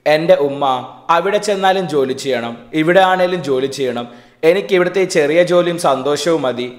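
An easygoing young rickshaw driver, read by a man in a storybook reading. The voice sits a little high and plain. The room rings with echo. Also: normal speed, natural voice. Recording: echoey room.

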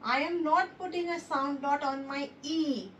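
A woman's voice: high voice, fairly bright tone, distant mic, a little hiss or hum. A woman teaching a phonics lesson, sounding out letters one by one and praising the children. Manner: slow, sounding out letters one by one, stressing each word; encouraging, addresses listeners as babies.

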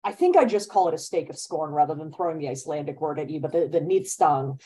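This author and event moderator has a mellow voice that sits low, with a breathy edge and a fast delivery. Chatting casually on a webcam video call from her bedroom at home, using the laptop mic, she stays lively and laughing, talking faster whenever she gets animated.

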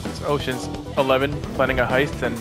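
A man's voice: medium pitch, level tone, a little fast. A man giving casual, wry and amused playthrough commentary as a gaming streamer. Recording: game music behind voice.

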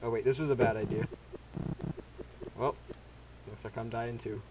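A man's voice: mid-range voice, steady tone, normal speed, over loud music, poor audio. A young man chatting while gaming, giggly and melodramatic. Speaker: gamer. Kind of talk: casual gaming chat.

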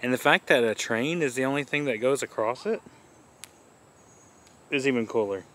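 A man's voice: mid-range voice, moderate pace, fairly bright tone. A man casually narrating a travel vlog outdoors, enthusiastic and easygoing as he tours a riverside walk. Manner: easygoing, enthusiastic tour commentary. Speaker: vlogger.

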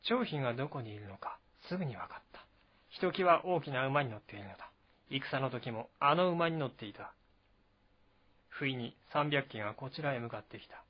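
A man reading a historical novel aloud at first sight, at a steady, even pace, with the odd slip and restart. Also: medium pitch, brisk, lo-fi sound.

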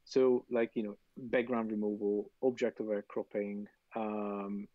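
A man guest explaining a software tool in a casual, hesitant way with fillers. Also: fairly low pitch, level tone, measured pace, dry recording, phone-quality sound. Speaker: guest developer advocate.

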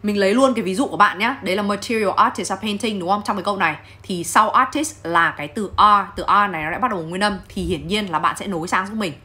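A woman's voice: medium pitch, fast talker, few pauses, pushed and bright. A woman teaching English pronunciation in a casual, playful video lesson, talking straight to her viewers. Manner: chatty, playful, addresses viewers directly.

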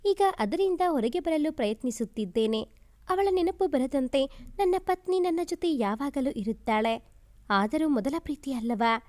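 A woman narrating a first-person love story in a steady, even reading voice, then asking listeners to like and subscribe. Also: high-pitched.

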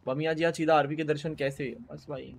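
A man streaming a game, chatting casually with his viewers and greeting them by name, speaking quietly and low-key. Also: fairly even intonation, brisk, gravelly, slight background noise. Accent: Hindi.

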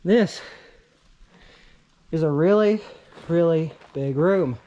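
Exploring woods around an abandoned railway, a thirtysomething man narrates his casual vlog on a handheld camera, full of awestruck exclamations. His slightly high voice is slow with a dark tone, and the sound is lo-fi.

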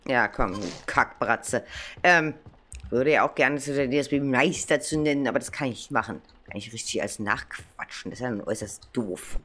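A woman's voice: very deep voice, brisk, fairly bright tone, a little hiss or hum. A woman with a German accent giving casual commentary on a horror game, chatting and scolding the baby in it. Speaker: let's play gamer.

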